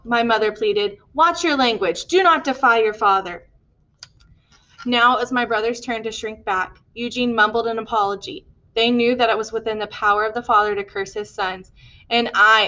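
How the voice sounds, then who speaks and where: Audiobook narrator: woman, slightly high voice, earnest, steady. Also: low-quality recording. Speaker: audiobook reader.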